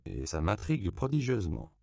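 A man's voice: fairly low pitch, wildly swooping pitch, brisk, creaky, darkish tone, dry recording, voice pushed up, full character voice. A man reading the lines of a mocking male doctor in an audiobook, dry and amused. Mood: wry. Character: sardonic male doctor atop a ladder.

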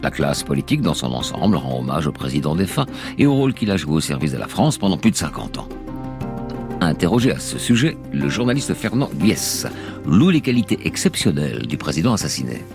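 A man's voice: rumbling low, big pitch swings, a little fast, gravelly. A man narrating a scripted radio documentary as a dramatic story, with emphatic phrasing. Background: music.

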